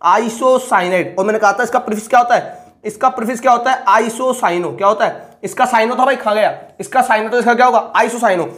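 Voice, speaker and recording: A man's voice: extremely high pitch, a bit bright. A male chemistry teacher recapping a lecture, who asks each question twice and then answers it himself.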